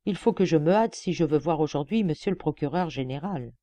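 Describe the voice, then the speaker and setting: A woman voicing a dignified, stern male magistrate in a storybook reading, speaking formally and crisply. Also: deep voice, animated, a little fast, dark tone, dry recording. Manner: formal and clipped.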